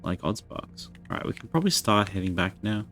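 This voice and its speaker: A man's voice: fairly low pitch, expressive, very fast, a bit bright, soft background music. A man streaming a video game live, chatting casually and rambling to his viewers. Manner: rambling, chatty, self-deprecating.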